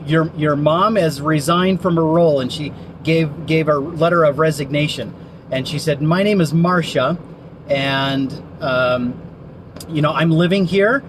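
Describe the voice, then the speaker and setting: A man's voice: fairly high pitch, noisy background. Hesitant man telling a story. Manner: hesitant, many fillers and restarts. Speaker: marketing company owner giving advice. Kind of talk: unscripted storytelling to camera.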